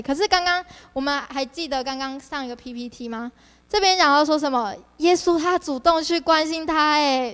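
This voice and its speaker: Speaking with a high-pitched voice in a spacious-sounding room, a young woman leads a youth service sermon as district leader. She stays animated, tossing question after rhetorical question to her audience.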